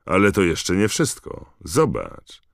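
A man's voice: slow pace, gravelly, dry recording, clean studio sound, exaggerated voice. A man doing a sneering schoolboy bully. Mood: taunting. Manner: mocking, taunting, shrill.

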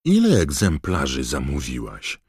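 A friendly, practical teenage schoolboy wizard from a storybook, voiced by a man. He speaks plainly, in a very deep voice that sits close to the reader's own. The sound is dry and close. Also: wildly swooping pitch, measured pace, darkish tone, husky, no echo, full character voice.

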